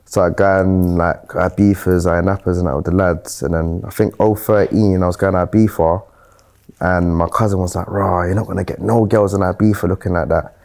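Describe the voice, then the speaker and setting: A man in his thirties with a South London accent talks in a relaxed podcast chat. His voice sits fairly low, and he tells his story in an easy, joking way, full of slang. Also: normal speed, creaky. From South London, England. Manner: laid-back, jokey storytelling with slang. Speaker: fitness coach and brand co-founder. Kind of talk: casual podcast interview. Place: bright studio lounge set.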